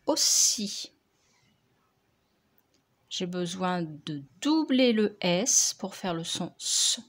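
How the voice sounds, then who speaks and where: Woman teacher reading a spelling dictation, super slow and careful, slightly low voice. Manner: slow, deliberate, over-articulated words for young pupils. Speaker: primary school teacher.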